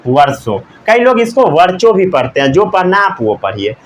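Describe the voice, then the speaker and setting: A young man teaching a class, asking questions, repeating the answers and dictating key lines slowly word by word. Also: high voice, big pitch swings, slight background noise. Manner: asks students questions, repeats answers, mixes English terms. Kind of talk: classroom lecture.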